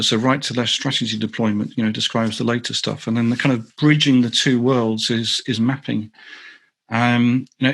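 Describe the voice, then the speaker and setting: A man's voice: medium pitch, a bit bright. A man with a North London accent, a guest author answering questions on a video call, talking in a rambling way full of restarts and ums. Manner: rambling, self-correcting, lots of ums. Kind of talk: online meetup Q&A answer.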